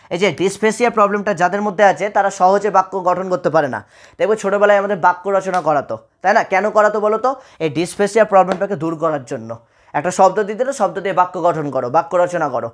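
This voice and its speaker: Bengali man teaching a repetitive exam lecture. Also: high voice. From West Bengal, India. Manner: repetitive, asks students check-in questions.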